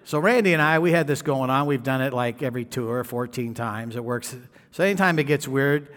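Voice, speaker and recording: A man's voice: mid-range voice, a little fast, fairly bright tone, long reverb tail. A man preaching a sermon, joking with the congregation, mimicking people and breaking into snatches of songs. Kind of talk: sermon with storytelling. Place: church hall.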